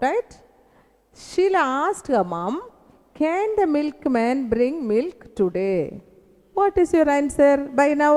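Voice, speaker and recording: A woman with an Indian English accent teaching an English grammar lesson, explaining slowly and often checking that her students follow. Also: sits high, a little mellow, long reverb tail. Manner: explains slowly, asks "is that clear?".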